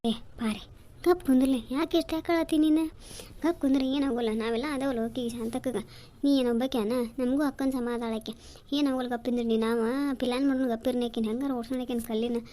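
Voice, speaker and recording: Cartoon: woman voicing a quick, high-voiced, bossy village woman with a North Karnataka accent. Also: steady tone, mellow, close to an everyday voice. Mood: bossy reassuring. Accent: North Karnataka Kannada. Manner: brisk, bossy, reassuring. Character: chatty village woman consoling her friend. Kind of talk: cartoon comedy voice acting.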